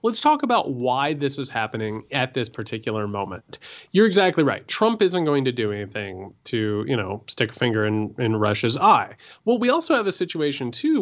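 A man co-hosting a political podcast, talking in an animated way and often repeating words as he builds a point. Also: medium pitch, muffled recording. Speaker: podcast co-host. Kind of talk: political commentary chat.

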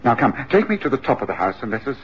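An actor playing Sherlock Holmes, a calm, commanding detective who talks in a measured and gently reassuring way. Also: male voice, medium pitch, slight background noise, lightly acted. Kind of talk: radio drama acting. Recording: muffled radio drama recording.

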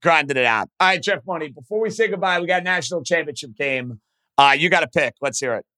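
Forceful, bright-voiced male sports podcast host. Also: a little high, animated, fast talker. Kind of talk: sports betting commentary, conversational.

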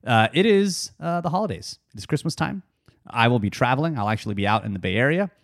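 A man's voice: mid-range voice, expressive, fast, no echo. Male podcast host, nasal and stuffy, casual sports chatter, dry booth sound. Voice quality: nasal from cedar fever. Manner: chatty, joking, loose fillers and laughs.

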